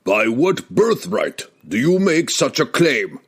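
A man voicing a ruthless one-eyed barbarian king who speaks with forced calm menace. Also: medium pitch, slow pace, slightly rough, voice pushed up, heavily acted. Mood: menacing.

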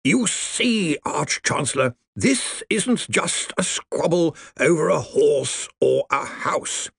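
A man voicing a dead, grave zombie lawyer who talks slowly and crackles. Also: a little high, expressive, creaky, a bit bright, slightly rough, no echo, clean studio sound, voice pushed up, full character voice. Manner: slow, measured, crackly.

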